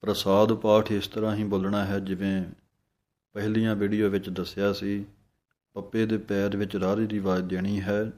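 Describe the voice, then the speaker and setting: A man teaching the correct pronunciation of a Sikh hymn, chanting each line slowly and then explaining it word by word. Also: lowish voice, flat delivery, darkish tone. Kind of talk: slow recitation lesson with pronunciation notes.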